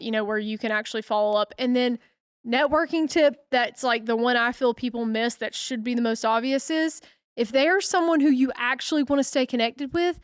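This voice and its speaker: A woman's voice: a little high, clean tone, no room sound, studio quality. A middle-aged woman co-hosting a podcast, giving confident, emphatic advice in a casual coaching tone. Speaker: podcast co-host.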